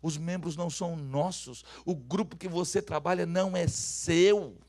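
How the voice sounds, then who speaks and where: A man from Brazil preaching a sermon as pastor, swinging from quiet asides to loud calls for the congregation to repeat after him. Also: a little high, moderate pace.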